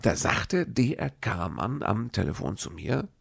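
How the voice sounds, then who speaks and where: A man's voice: lowish voice, sing-song, a little slow, creaky, slightly rough, no echo, studio quality. A middle-aged man telling a long personal story in a casual, rambling way, with many restarts and asides to the listener.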